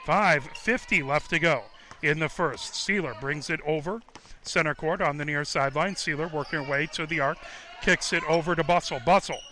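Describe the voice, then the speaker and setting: Bright-voiced man calling basketball courtside. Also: fairly high pitch. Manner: rapid, clipped calls that rise sharply on made baskets. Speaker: radio play-by-play announcer. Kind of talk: live basketball play-by-play commentary. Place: courtside at a high school gym.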